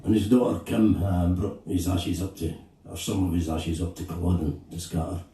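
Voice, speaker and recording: A Scottish man, a singer-songwriter, telling a story between songs at a live gig in a slow, halting, reflective way. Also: deep voice, fairly even intonation, warm tone. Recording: echoey room, distant mic, guitar behind.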